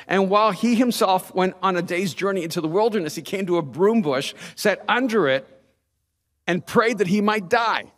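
A male pastor preaching a sermon, reading scripture with lively, sarcastic asides. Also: high voice.

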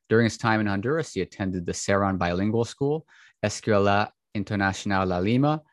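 A man hosting a podcast, introducing a guest and asking questions in a steady manner. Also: sits low, no echo, studio quality. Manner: steady, reads bio then chats. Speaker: podcast host. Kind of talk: scripted intro then casual chat.

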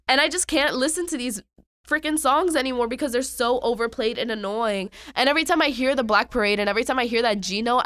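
A woman's voice: a little high, fairly bright tone, smooth, no room sound. A young adult woman hosting a podcast, ranting in a casual, exasperated way with lots of slang and repetition. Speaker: podcast host.

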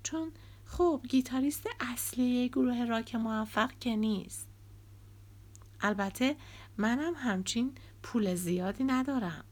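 A woman's voice: medium pitch, vocal fry. A woman reading an audiobook, voicing a bitter, resentful young man who used to be a drummer and speaks with angry sarcasm.

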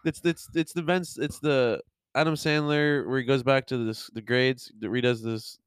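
A young podcast co-host rambles through casual chat, laughing, swearing and using plenty of fillers. His mid-range voice is clear and resonant, fairly even in intonation and moderate in pace, recorded dry in a clean studio.

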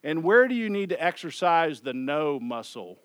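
A man's voice: a little high, very animated, normal speed, a bit bright, no echo, studio quality. A man preaching a sermon in a loose, conversational way, often repeating and restarting phrases. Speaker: pastor.

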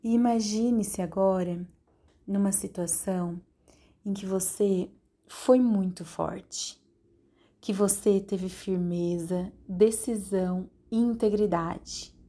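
Woman hypnosis guide, calm and directive, soft mellow voice. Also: mid-range voice. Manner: slow, soothing, calmly directive. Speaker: meditation guide.

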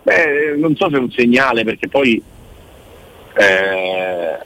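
A man's voice: medium pitch, lively intonation, slow, pushed and bright, no room sound, poor audio. A man giving casual on-air sports analysis in a discursive, opinionated way. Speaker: sports commentator.

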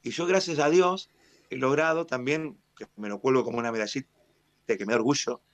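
An Argentine man from Mar del Plata, a stadium announcer, tells his stories in a radio interview with expansive pride. His voice sits at an ordinary middle pitch. The sound is dry and close. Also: brisk, no room sound. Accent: Argentine Spanish, Mar del Plata. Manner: animated storyteller, proud and expansive.

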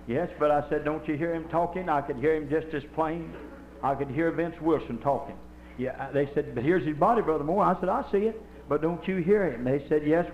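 Older man, Holiness preacher, fairly high voice, impassioned folksy sermon, recorded live with room echo. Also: muffled recording, a little hiss or hum. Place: church with congregation. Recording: echoey live church recording.

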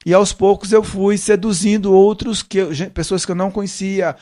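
In a relaxed interview, a middle-aged musician appears as a guest, his voice high-pitched and fairly even at a moderate pace. He has a Northeastern Brazilian accent tempered by São Paulo, and he repeats words while reaching for the next one.

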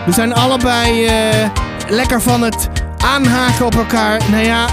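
A woman's voice: on the high side, little pitch movement, unhurried, loud music behind the voice. A woman in her thirties from Drenthe hosting a podcast, chatting casually and rambling with many fillers and restarts. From Drenthe, Netherlands. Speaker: podcast host, book reviewer. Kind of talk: casual chat.

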